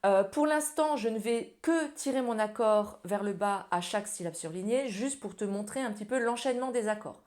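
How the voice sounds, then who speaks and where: This woman gives a laid-back ukulele lesson at a normal speed with few pauses, her medium-pitched voice slightly mellow. Ukulele playing sounds in the background, and she addresses the viewer informally as tú in a friendly, direct way.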